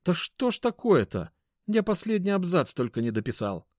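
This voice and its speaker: A man's voice: high-pitched, very animated, normal speed, darkish tone, no room sound, clean studio sound, pitched above the performer's own voice. A man doing a touchy, sulky young male reporter. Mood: indignant. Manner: indignant, sulky, emphatic. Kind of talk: audiobook character voice.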